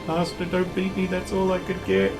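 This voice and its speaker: Servile female genie of the lamp, played by a male game master, raised pitch, submissive and apologetic, tabletop fantasy, music underneath. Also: monotone, moderate pace, close to an everyday voice, low-quality recording. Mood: pleading. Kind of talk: tabletop role-play. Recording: music behind the voice.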